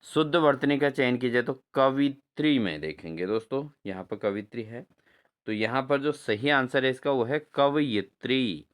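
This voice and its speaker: Smooth-voiced teacher drilling spelling. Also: male voice, mid-range voice. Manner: repeats answers as questions to viewers, addresses them as friends; spells words out slowly syllable by syllable. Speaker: exam-prep teacher. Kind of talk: spelling lesson for exam prep.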